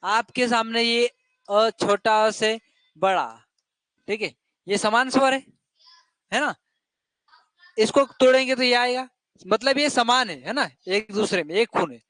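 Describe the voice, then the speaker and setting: A man's voice: very high voice, measured pace, long pauses, sharp tone, no room sound. Man teaching a class, dry room sound. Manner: repeats questions to the class, drills answers. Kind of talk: classroom lesson.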